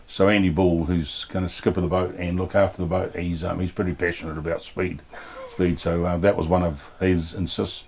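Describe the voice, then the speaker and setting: A man's voice: sits low, flat delivery, brisk, vocal fry, a little mellow, a little hiss or hum. A New Zealand man in his sixties, a boatbuilder talking casually in a yacht cabin on a lapel mic, plain-spoken and rambling with many fillers. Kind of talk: casual interview.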